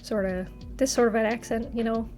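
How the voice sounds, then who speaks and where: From her apartment, a young streamer from Massachusetts chats loosely with her viewers, giggling and drifting off mid-sentence. Her slightly high voice is steady and darkish in tone, her pace brisk, with faint music in the background.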